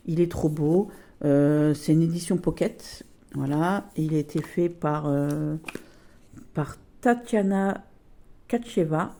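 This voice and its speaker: A woman with a low, very dark and mellow voice, talking casually to her viewers as she shows off her collection. She rambles warmly, gushes with enthusiasm and keeps dropping little fillers between thoughts. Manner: chatty, fills pauses with repeated "voilà" and "euh"; gushing and enthusiastic about her items. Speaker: tarot collector and video creator. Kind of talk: casual show-and-tell vlog.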